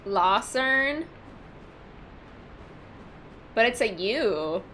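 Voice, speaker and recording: Lively bright-voiced woman streamer. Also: medium pitch, slow pace, a little hiss or hum. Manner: animated, laughs often, reacts to chat. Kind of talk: casual gameplay commentary.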